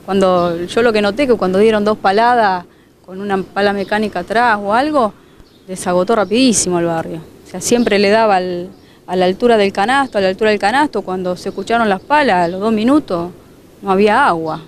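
A woman's voice: mid-range voice, brisk. A woman gives an outdoor street interview to a local news crew about the flood at her home. She talks in emotional, broken-up phrases, restarting her sentences often. A faint hiss of background noise sits under her voice. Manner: fragmented, emotional retelling with many restarts. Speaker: flood-affected resident.

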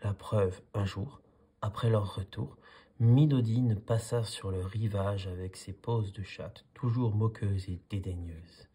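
Calm deep-voiced man reading aloud. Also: measured pace, husky. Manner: calm, soothing. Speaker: storybook reader. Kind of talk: calm read-aloud story.

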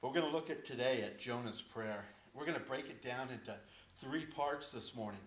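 A middle-aged man preaching a sermon from a church podium, relaxed and joking, with frequent "uh" fillers. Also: mid-range voice, brisk. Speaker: pastor. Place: small wood-paneled church sanctuary, indoors. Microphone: podium microphone. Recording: roomy church echo.

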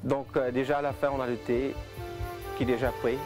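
Man explaining tea-making, with halting fillers. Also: medium pitch, flat delivery, music in the background. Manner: halting, with frequent fillers and restarts. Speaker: tea estate guide. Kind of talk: explanatory interview answers. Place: outdoors in tea fields and inside a factory.

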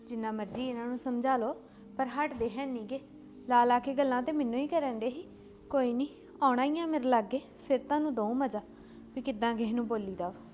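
A woman playing a quarrelsome, sharp-tongued young wife in a family drama. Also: fairly high pitch, slight background noise, close to an everyday voice. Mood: muttering. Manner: fast, sharp and retorting.

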